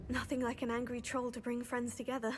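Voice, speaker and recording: Brief: actress as a young wizard student, earnest, slightly high voice, noisy game mix. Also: female voice, monotone, brisk, lightly acted. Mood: determined. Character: young female wizard student, determined and curious. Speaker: player character. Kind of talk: game voice acting.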